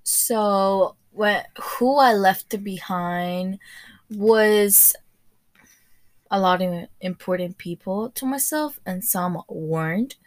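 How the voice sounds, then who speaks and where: A teenage girl from Spain, raised in Ecuador, is interviewed for a school podcast. She speaks slowly and carefully in a mid-range voice, searching for English words, and the recording has no echo.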